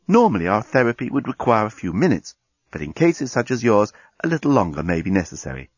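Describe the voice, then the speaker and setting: A man voicing a calm, formal machine voice that reassures a patient. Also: on the low side, a little fast, no echo, highs cut off. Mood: soothing. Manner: smooth, soothing, formal.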